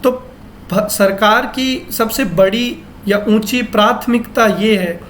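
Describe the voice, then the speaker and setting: A man teaching English grammar from a newspaper text. He asks his class questions and answers them himself, and he reads the English sentences out slowly, word by word. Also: high-pitched, a bit bright, slight background noise.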